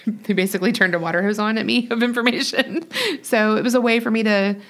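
A woman's voice: fairly high pitch, fairly even intonation, fairly quick. A woman chatting casually as a pastry chef guest, talking freely with plenty of swearing and laughter. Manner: chatty, profane, laughs often. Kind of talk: casual podcast chat.

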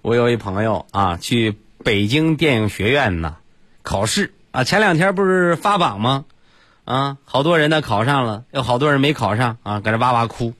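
A man telling comic stories in a casual monologue, jumping into loud high voices for the people he quotes. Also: lively intonation, moderate pace, dry recording. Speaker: comedy storyteller.

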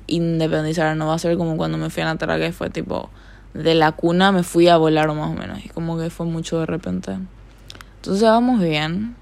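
A young Paraguayan woman hosts a casual solo podcast from her bedroom, rambling and chatting with plenty of filler words. Her voice sits on the low side with vocal fry and a darkish tone. She speaks Paraguayan Spanish with a hint of Argentine tone.

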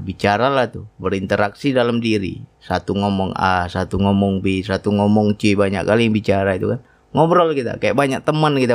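Gravelly man telling spiritual stories. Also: lowish voice. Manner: storytelling, acts out wife's voice, frequent "ya kan?". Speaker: spiritual teacher. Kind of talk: casual religious talk.

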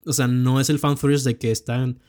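A man's voice: mid-range voice, flat delivery, moderate pace, darkish tone. A young man with a Mexican accent, chatting casually about films with plenty of slang and swearing. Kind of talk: casual film chat.

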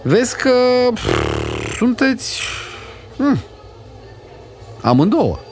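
A man voicing a doting, fussy old grandmother who talks in a shrill, scolding, old-fashioned way. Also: huge pitch swings, noisy background, heavily acted. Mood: stubborn.

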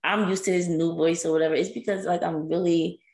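Hoarse low-voiced woman co-host. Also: steady tone, a little fast, darkish tone, echoey room. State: hoarse, irritated throat. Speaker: podcast co-host. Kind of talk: casual chat.

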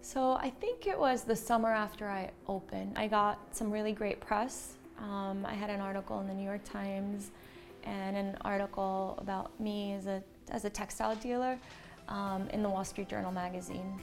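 This interview features a small business owner, a textile designer and shop owner who was born in Slovakia and came to the United States at age seven. She talks in a casual, enthusiastic way, her mid-range voice holding a steady tone at a moderate speed.

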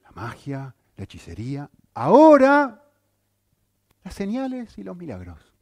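Animated man preaching, lively pitch. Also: a little slow, no echo, studio quality. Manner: animated preaching with rhetorical questions and a frequent "¿sí?" check. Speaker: pastor. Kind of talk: sermon.

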